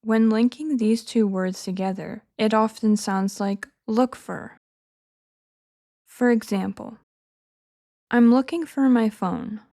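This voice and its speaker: A woman narrating a scripted English lesson in a clear, measured, encouraging teaching manner. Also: a little high, mellow.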